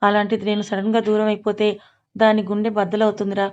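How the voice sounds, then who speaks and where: A woman's voice: medium pitch, monotone, brisk, a little mellow, dull audio, close to an everyday voice. A woman reading the lines of a remorseful young army major confiding in a friend. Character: young army major, guilt-ridden and grieving.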